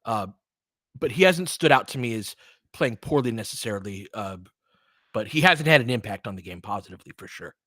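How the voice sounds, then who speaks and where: A lowish, pushed and bright male voice with lively intonation moves a little fast through clean, echo-free studio audio. The speaker, an American-accented Californian, hosts casual basketball talk and live play-by-play, replying to listeners. His analytical thinking-aloud produces sentences that trail off and restart.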